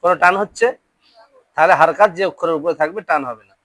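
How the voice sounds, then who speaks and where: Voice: medium pitch, fast, fairly bright tone. A teacher giving a Quran reading lesson, sounding out letters and syllables and often asking students whether they will remember. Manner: drills syllables aloud, often checks understanding. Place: classroom with a board.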